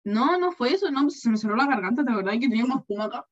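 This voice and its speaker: A young woman with a Chilean accent in casual chat, telling a story with animated asides and acted-out quotes. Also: on the high side, very fast. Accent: Chilean Spanish. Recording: dull lo-fi sound.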